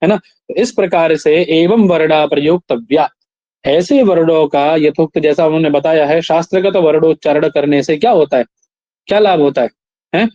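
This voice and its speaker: A man teaching a class, slowly reciting verses, then explaining them and quizzing his students. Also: on the high side, mellow, no room sound, muffled recording. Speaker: Sanskrit teacher. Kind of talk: classroom lecture.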